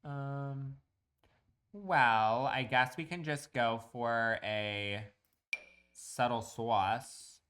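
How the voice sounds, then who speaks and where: A man's voice: mid-range voice, very slow, bright, forceful tone, faint music behind. A young man chatting casually while streaming a building game, ranting in crude, profane comic bits and reacting to chat.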